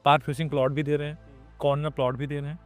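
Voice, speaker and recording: Lucknow plot seller pitching outdoors. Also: male voice, level tone, rapid-fire, soft background music. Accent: Lucknow Hindi. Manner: pitches amenities and loan terms plainly. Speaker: property developer's representative. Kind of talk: answering interview questions on site.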